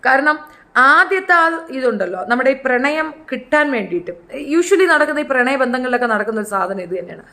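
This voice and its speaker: Brief: middle-aged woman, high voice, opinionated casual commentator who mimics people. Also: lively intonation, a little fast, pushed and bright. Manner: chatty, opinionated, acts out quotes in high voices. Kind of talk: casual reality show commentary.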